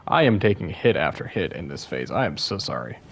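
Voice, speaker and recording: A man's voice: low voice, sing-song, brisk, fairly bright tone, husky. A young man giving casual, self-deprecating commentary over his gameplay, sounding a bit worn out and apologizing often. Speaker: gaming YouTuber.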